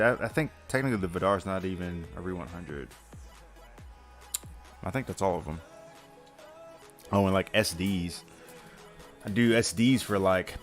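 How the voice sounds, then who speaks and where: A man with a very low, deep voice hosts a live stream, sounding tired as he chats casually over his building. His talk rambles along with frequent fillers and restarts, and soft music plays underneath. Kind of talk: casual live-stream chat while building a model kit.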